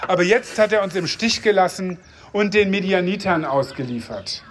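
A man's voice: sits high, animated, normal speed, a little hiss or hum. A man voicing Gideon, a frightened young farmer pleading and doubting in a read-aloud Bible story.

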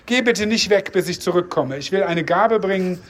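A man's voice: sits high, moderate pace. Gideon, a man reading a fearful young farmer. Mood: pleading. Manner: pleading, doubting.

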